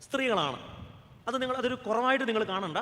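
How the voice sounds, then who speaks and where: Male Keralan pastor, joking sermon, high bright voice, long hall reverb. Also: lively intonation, a little fast. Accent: Keralan Malayalam. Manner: joking, asks the audience questions. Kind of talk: humorous sermon.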